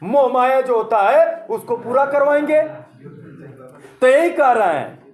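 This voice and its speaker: A man's voice: very high-pitched, animated, measured pace, echoey room. A male coaching teacher, giving a motivational exam-prep lesson and asking and answering his own questions.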